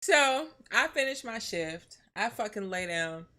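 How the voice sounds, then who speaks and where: A woman telling a story on a live stream, animated and profane, often breaking into laughter. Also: medium pitch, measured pace. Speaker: streamer co-host.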